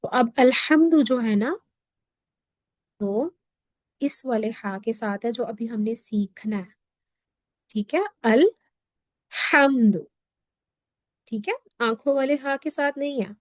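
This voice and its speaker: A woman teaching Quran recitation in an online lesson. She explains each point patiently, checks in often with a quick question, and sounds out letters in slow drawn-out syllables. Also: a little high, a little mellow, no room sound.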